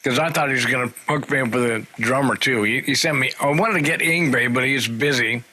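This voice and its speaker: Bright-voiced rambling man in his sixties. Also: mid-range voice, quick pace, poor audio. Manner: rambling, jokey anecdotes with asides. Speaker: podcast host. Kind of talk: casual interview chat.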